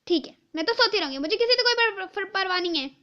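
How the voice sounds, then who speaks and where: Woman playing a spoiled whiny stepsister, very high and bright, tattling, lo-fi with faint music. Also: expressive, fast talker, exaggerated voice.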